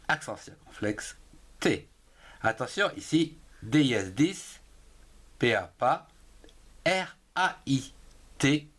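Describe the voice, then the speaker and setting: Slow, lively-voiced male teacher spelling aloud. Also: medium pitch. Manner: slow, spells words letter by letter. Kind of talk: dictation-style spelling lesson.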